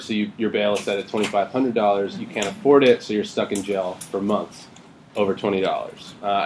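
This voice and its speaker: A man's voice: fairly low pitch, a little mellow, slight background noise. A man presenting his art projects at a conference panel, casual and loose, with many "um" and "uh" fillers and restarts. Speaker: panelist, new media artist. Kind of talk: conference talk presenting slides. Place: conference room.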